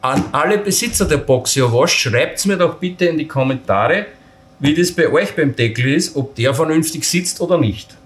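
A man's voice: a little high, expressive, moderate pace. A man casually walking through assembling camping gear step by step, talking while he handles the parts and poking fun at his own mistakes. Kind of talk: hands-on assembly tutorial. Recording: roomy echo with faint noise.

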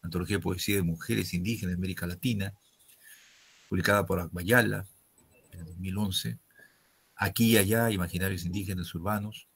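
A man hosting a reading event, introducing the next guest in a halting way with many fillers. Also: low voice, fairly even intonation, vocal fry, a bit bright, husky, dry recording. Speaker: host.

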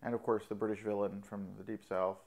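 A man's voice: on the low side, level tone, fast, darkish tone. A man hosting an interview, asking long, rambling questions and laughing easily. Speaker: interviewer and host. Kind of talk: interview conversation. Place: studio in Los Angeles.

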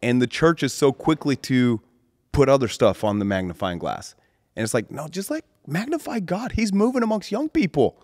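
A man co-hosting a casual faith talk, telling stories with big swings in pitch. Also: moderate pace, no echo, studio quality. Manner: animated storytelling, swoops in pitch.

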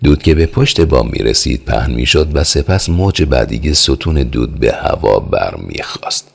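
A man narrating an audiobook with steady, measured storytelling. His voice sits very low with a gravelly, creaky texture and a husky grain. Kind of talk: scripted narration.

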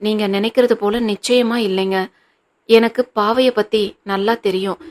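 A tearful young wife, pleading and earnest, her words held on a narrow, even pitch, as a woman reads her aloud. The storybook voice stays controlled and level. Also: moderate pace, natural voice.

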